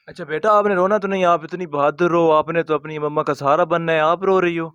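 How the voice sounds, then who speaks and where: A male interviewer speaking gently, soothing a crying girl and then appealing earnestly to viewers. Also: fairly high pitch, fairly even intonation, clean tone, no echo, highs cut off. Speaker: host. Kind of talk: street interview.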